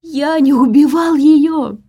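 A woman voicing a terrified, hoarse man who begs desperately for release, in an audiobook. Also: lowish voice, steady tone, slow pace, warm tone, heavily acted. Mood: pleading. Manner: pleading, desperate.

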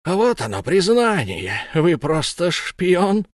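A man voices a lisping alien interrogator in a sci-fi audiobook, pitched high and swinging up and down as he questions a prisoner with mocking condescension. It is a dry, close reading with no room sound. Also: wildly swooping pitch, slow pace, no room sound, heavily acted. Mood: smug. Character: lisping humanoid alien interrogator, smug, menacing. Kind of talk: audiobook character voice.

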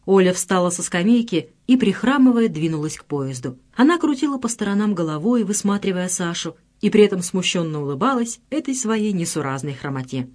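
A woman narrating an audiobook with expressive delivery, voicing every character herself. Her pitch is lively and animated, rising and falling through the sentences. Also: fairly quick, few pauses. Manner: expressive, reads all characters.

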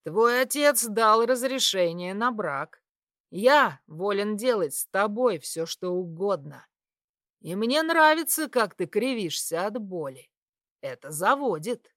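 A woman voicing a cruel, mocking young male satyr who taunts and threatens in a lowered, sneering voice. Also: lively intonation, measured pace, fairly bright tone, no room sound, studio quality. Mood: menacing.

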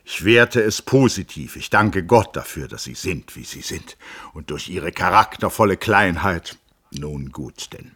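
A man voicing a grand, commanding old man who speaks in solemn, emphatic, halting phrases that break off midway, in a literary audiobook reading. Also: sits low, lively intonation, a bit bright, slightly rough, heavily acted. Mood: grandly gentle.

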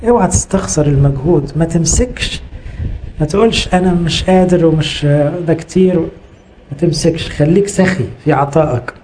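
A man's voice: on the high side, mellow, slight background noise, low-quality recording. A middle-aged man with an Egyptian accent, a priest preaching a sermon, exhorting the listeners with repetition and rhetorical questions.

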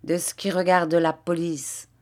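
A woman's voice: on the low side, little pitch movement, measured pace, a little mellow, lightly acted. A woman reading an audiobook who voices an upright old traveling musician, speaking with force and indignation. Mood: indignant.

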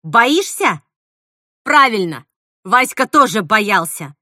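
A woman reading an audiobook, voicing a bitter, vengeful actress who hisses and shouts in an unhinged way. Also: on the high side, very animated, slow, no echo, clean studio sound, exaggerated voice. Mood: furious.

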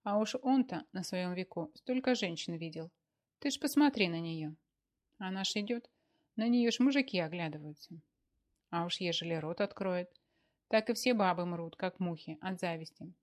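A man's voice: high-pitched, moderate pace, lightly acted. A woman voicing a blustering old husband. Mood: indignant. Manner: folksy, exclamatory. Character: blustering older husband, boastful and fond.

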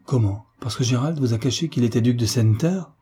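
A man voicing an earnest young gentleman in an audiobook, explaining gently and earnestly. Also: medium pitch, fairly quick, husky. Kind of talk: audiobook character reading.

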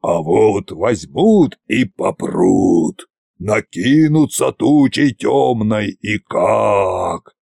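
Man voicing a brooding old tsar, slow drawl, dark tone, conspiratorial, storybook. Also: on the low side, expressive, vocal fry, breathy edge, no room sound, studio quality, exaggerated voice. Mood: musing.

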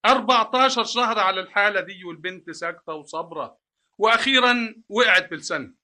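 A reasoning Egyptian father in a radio drama. His voice is high and very bright, and his talk measured and persuasive. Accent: Egyptian Arabic. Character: Amal's father, a patient, reasoning older man.

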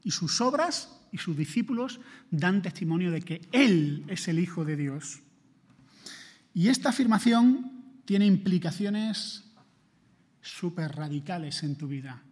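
Husky high-voiced preacher from Spain. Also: male voice, expressive, unhurried. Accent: Spain Spanish. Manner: emphatic, building to forceful urgency. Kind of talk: sermon. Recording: long hall reverb.

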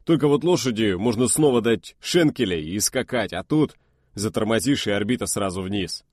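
A man voicing a bitter, resigned American shuttle pilot in an audiobook, talking loud and strained. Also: lowish voice, expressive, moderate pace, dry recording, clean studio sound.

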